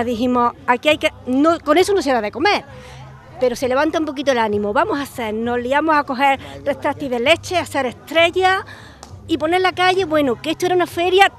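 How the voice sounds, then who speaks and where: High-voiced chatty older woman. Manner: animated, chatty storytelling. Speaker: interviewee. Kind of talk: street interview. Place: outdoors on a town street. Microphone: handheld reporter mic.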